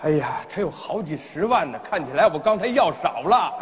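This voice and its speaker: A man playing a scheming phone scammer posing as a police officer in a stage comedy sketch, who gives stern orders and often shouts. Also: high-pitched, very animated, a little fast. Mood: bossy. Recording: reverberant hall with noise.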